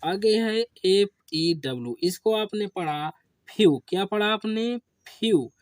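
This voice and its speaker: A man teaching an English spelling lesson to children, asking questions and answering them himself in a lower voice. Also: expressive, takes it slowly, no room sound, studio quality. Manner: addresses viewers as children. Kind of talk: slow classroom-style spelling lesson.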